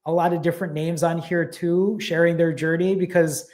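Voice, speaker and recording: A man's voice: fairly high pitch, level tone, moderate pace, darkish tone. A man, casually hosting a live stream, reading viewer comments and thanking people by name, a little out of breath. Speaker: fasting channel host.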